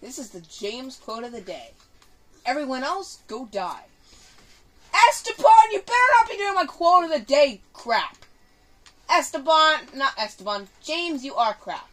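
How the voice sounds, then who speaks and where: A woman hosting a gaming video riffs casually off the cuff, bossy and teasing, sliding into mock arguments. Her voice sits high and sing-song with a fairly bright tone and a measured pace. It's filmed off a TV screen in an indoor room, and the recording is noisy with clicking.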